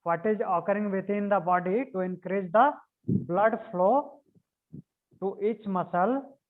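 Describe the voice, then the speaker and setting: High-voiced man teaching over a conference call. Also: unhurried. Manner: repeats phrases and spells out key words letter by letter. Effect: heard over a video conference call. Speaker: yoga anatomy teacher. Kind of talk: online class lecture, dictating notes. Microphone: video call. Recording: narrow phone-like call audio.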